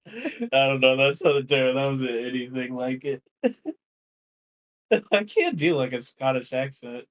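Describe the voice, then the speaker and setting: A gaming friend on voice chat who talks in a slow, unhurried way with a very lively pitch that swings up and down. The delivery is giggly and loose, with casual swearing. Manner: giggly, animated, swears freely.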